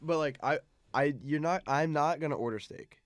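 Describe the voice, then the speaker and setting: A man's voice: on the high side, normal speed, no room sound, studio quality. A young man co-hosting a podcast in casual chat, often stopping to correct himself mid-sentence. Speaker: podcast co-host.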